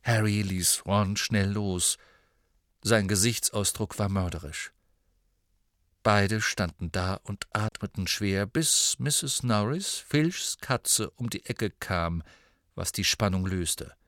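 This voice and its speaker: A man narrating a novel in expressive storytelling style. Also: fairly low pitch, takes it slowly, no room sound, clean studio sound. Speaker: audiobook narrator. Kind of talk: scripted narration.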